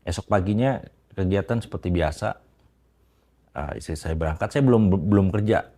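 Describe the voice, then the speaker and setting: A man hesitantly telling a personal story as an interview guest, speaking in a halting casual way with many restarts and fillers. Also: low-pitched, mellow.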